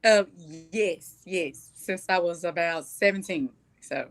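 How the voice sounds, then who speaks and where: An American woman from Texas with a lowish voice speaks slowly, answering interview questions in a chatty, light-hearted way. She is an interview guest and a first-time stage actress.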